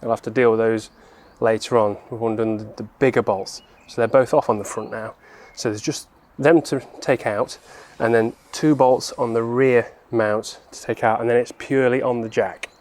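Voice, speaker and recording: A man narrates a hands-on repair job in an average-pitched voice. He talks informally and explains things step by step, in the casual way of a how-to vlogger. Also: steady tone, normal speed, few pauses, darkish tone. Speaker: presenter of a car repair vlog.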